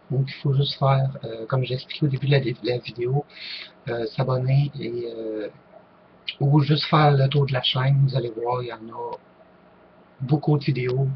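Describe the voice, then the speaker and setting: He responds to viewer questions in a relaxed, to-camera chat, with a medium-pitched voice and a Québécois accent. Hesitant, he leans on fillers and keeps restarting. The highs are cut off and there's slight background noise.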